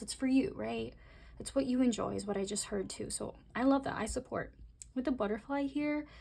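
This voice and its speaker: A woman giving a chatty, rambling tarot reading, speaking straight to her viewers and talking fast by her own account. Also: medium pitch, creaky, a little mellow, husky. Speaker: tarot reader. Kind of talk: casual tarot reading to camera.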